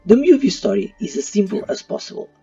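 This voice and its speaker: Speaking fast in a high, sing-song voice that is dark, slightly rough, and touched with vocal fry, a man delivers a YouTube movie review in voice-over with non-native English phrasing. The recording is muffled and slightly distant, with faint background music.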